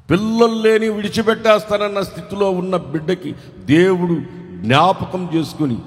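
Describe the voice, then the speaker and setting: Brief: a man preaching a fiery sermon with a fairly high voice, swinging from hushed lines to shouts, and long reverb in a large hall. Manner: fervent preaching with wide pitch swings, urging the crowd to clap. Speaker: pastor.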